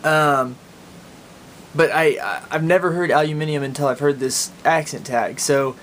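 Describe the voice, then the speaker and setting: A man with an Oklahoma accent chatting casually and informally as a video blogger. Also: moderate pace. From Oklahoma, United States. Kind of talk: casual chat to camera, answering accent tag questions. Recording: steady background noise with low rumble.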